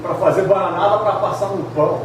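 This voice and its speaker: Speaking briskly, a middle-aged Brazilian retreat pastor with a high voice shares a humorous testimony sermon, storytelling chattily with tag questions and laughing asides. A distant mic picks him up in a large, very echoey hall with steady background noise.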